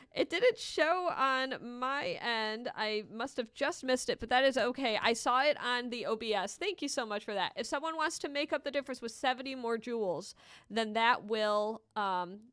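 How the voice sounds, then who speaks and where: A woman's voice: high-pitched, expressive, normal speed, fairly bright tone, clear, resonant tone, dry recording. A woman hosting a casual livestream, chatting playfully to viewers and giving running commentary, with music behind her. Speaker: livestream host and Etch A Sketch artist.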